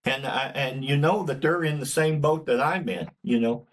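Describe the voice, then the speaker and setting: A man's voice: medium pitch, normal speed, low-quality recording. A man hosting his own channel, delivering a blunt, indignant political opinion rant with swearing. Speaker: channel host.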